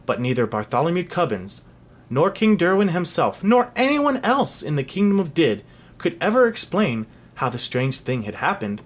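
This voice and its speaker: A reader narrating a storybook aloud for a child in an expressive, animated way. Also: medium pitch, moderate pace.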